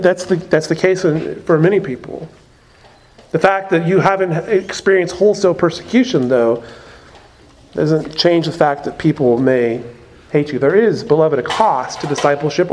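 A man's voice: on the high side, expressive, normal speed, darkish tone. A man preaching a sermon as a pastor, in a conversational way with frequent asides.

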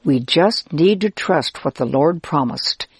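A woman's voice: low voice, lively intonation, a little slow, slightly rough, dry recording, clean studio sound, full character voice. A woman voicing a friendly, helpful Israelite man who laughs easily and explains patiently in a children's storybook. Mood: reassuring.

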